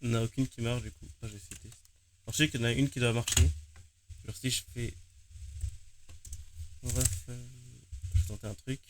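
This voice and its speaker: A man's voice: mid-range voice, steady tone, fairly quick, pauses often, noisy background. A man streaming a game, chatting casually and joking with his viewers. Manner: chatty, self-mocking.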